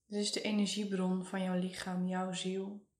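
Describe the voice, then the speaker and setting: Woman, guided meditation, soothing and hushed, flat gentle intonation, roomy echo. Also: mid-range voice, normal speed. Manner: soothing, hushed, lingering delivery.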